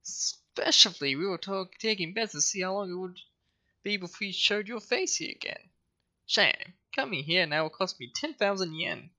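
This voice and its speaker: Guy putting on a snobby rival cop in a game, high-pitched taunting voice, gravelly edge, sharp and tense. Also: lively intonation, moderate pace, exaggerated voice. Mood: sneering. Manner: taunting, sneering, loud. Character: smug, snobby rival police officer, male.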